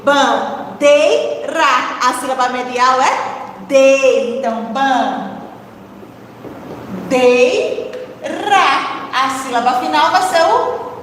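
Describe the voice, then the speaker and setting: A woman's voice: high voice, a bit bright, a little hiss or hum. Teacher woman spelling syllables, echoey room. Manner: slow, spelling out syllables to children; encouraging, asks the class questions. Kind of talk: primary-school literacy lesson. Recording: echoey room with long reverb.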